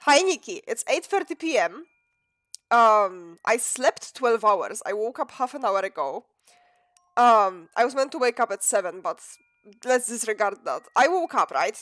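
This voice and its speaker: With no room sound and a fairly bright tone, this young adult woman talks at a measured pace in a voice on the high side, very animated. She's an animator streaming while she works, rambling through casual chat with self-mocking humor, frequent giggles, and the slight sniffles of a cold.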